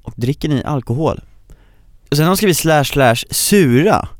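Relaxed male co-host reading listener questions. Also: fairly high pitch, dry recording. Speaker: podcast co-host. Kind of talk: casual podcast chat.

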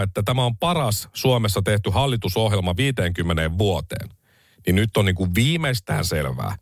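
A man's voice: mid-range voice, no room sound, clean studio sound. A man hosting a podcast, delivering a sarcastic, mocking monologue on politics in a casual, conversational way. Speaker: podcast host.

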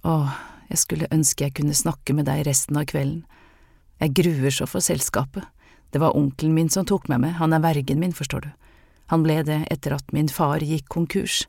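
A genteel young city lady, lonely and hoarse from a cough, who speaks politely and with refinement, as an audiobook narrator puts her on. She sits close to the storyteller's own pitch. The sound is dry, with no room around it. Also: warm tone, dry recording. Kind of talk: audiobook character reading.

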